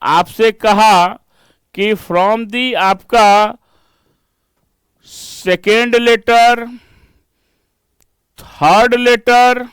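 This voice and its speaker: A man with an Indian accent gives an exam-prep reasoning lesson, walking through each step and pausing to ask rhetorical questions. His voice sits high and sounds crisp and clear. The recording is dry and close. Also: steady tone, a bit bright, no echo. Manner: explains step by step, mixing Hindi and English, asks rhetorical checks. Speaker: reasoning teacher.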